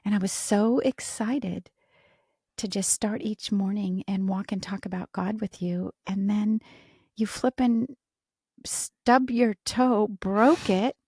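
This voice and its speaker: A woman co-hosts a podcast and talks openly about faith and family. Her voice is soft and drops at times to a breathy near-whisper. The sound is dry and close to the mic. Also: mid-range voice, steady tone, slow pace, no room sound. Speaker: podcast co-host. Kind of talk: casual heartfelt conversation.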